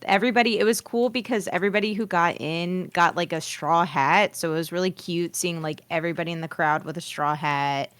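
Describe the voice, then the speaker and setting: A woman with a slightly low voice chats casually as a guest on a stream. She rambles informally from point to point, in a very dry, close sound. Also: brisk, few pauses, fairly bright tone, clear, resonant tone, dry recording. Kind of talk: casual chat.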